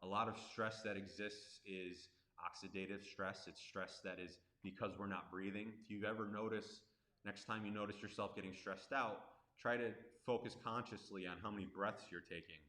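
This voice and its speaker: A man's voice: lowish voice, steady tone, moderate pace, sharp tone. A man working as a breathing coach, talking casually and informally as he explains things on a live stream. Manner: informal, conversational. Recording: roomy, echoing live stream.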